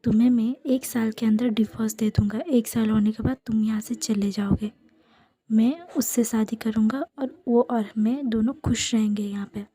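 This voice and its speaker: A woman's voice: on the high side, steady tone, normal speed, warm tone. A woman voicing a cold, harsh young man who dismisses his new spouse, in a whispered role-play. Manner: curt and dismissive.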